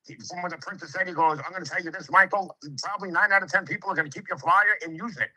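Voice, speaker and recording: A man's voice: high-pitched, racing, pushed and bright, poor audio. A brash man, a home improvement contractor lecturing in casual, streetwise talk with swearing and acted-out quotes. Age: 50s. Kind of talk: casual sales conversation.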